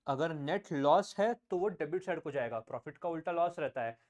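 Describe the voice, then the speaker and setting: In a muffled recording, an Indian-accented accountancy teacher lectures his class, slowly dictating notes and going over key phrases again. His voice is a little high, animated and slightly mellow, and he mixes Hindi with English while questioning his students.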